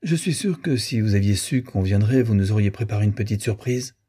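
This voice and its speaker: A man voicing a self-important little girl with a shrill, drilling voice in an audiobook. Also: animated, a little fast, mellow, breathy edge. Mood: cheeky.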